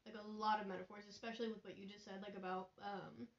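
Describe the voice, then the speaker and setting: A woman's voice: medium pitch, little pitch movement, fast talker. A young adult woman co-hosting a podcast, musing casually with many fillers. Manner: musing, full of "like". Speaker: podcast co-host. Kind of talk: casual chat. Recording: roomy, dull sound.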